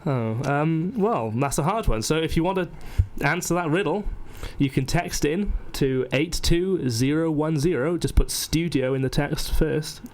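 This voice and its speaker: A man's voice: a little high, measured pace, hardly any pauses. A young man co-hosting a casual radio show in a studio, playful and bossy. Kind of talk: casual banter on student radio.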